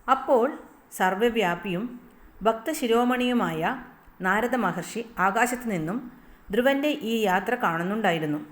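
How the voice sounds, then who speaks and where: Woman storyteller, dramatic scripted narration, mid-pitched voice, echoey room. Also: unhurried. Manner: expressive, dramatic. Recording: roomy echo.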